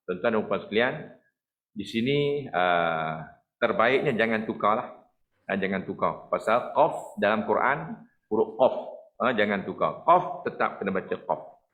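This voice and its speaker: A man with a Malaysian Malay accent from Perak, teaching a Quran recitation lesson online, explaining patiently and demonstrating letter sounds and slow chanted verses. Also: lowish voice, animated, phone-quality sound.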